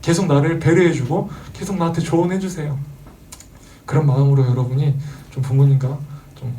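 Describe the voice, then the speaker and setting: A man's voice: fairly high pitch, steady tone, a little fast, warm tone, far from the mic, slight background noise. A man preaching a sermon to teenagers, asking the audience questions and acting out the voices he quotes. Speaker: youth pastor.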